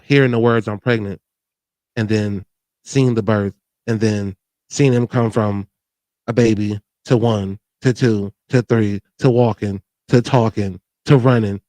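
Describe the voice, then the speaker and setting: A man's voice: mid-range voice, darkish tone, no echo. A man in his forties talking candidly and earnestly about his own life, often restarting and adding "you know what I mean". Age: 40s. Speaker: show host. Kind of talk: candid personal talk.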